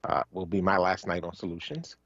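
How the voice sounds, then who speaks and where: A very low-voiced man from Philadelphia talks on a radio show in a relaxed, halting way, full of "uh" and "um". The sound is dull and dry, like a close studio microphone. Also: breathy edge, no room sound. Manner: halting, many fillers, warm thanks. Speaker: radio co-host. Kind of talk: casual radio talk.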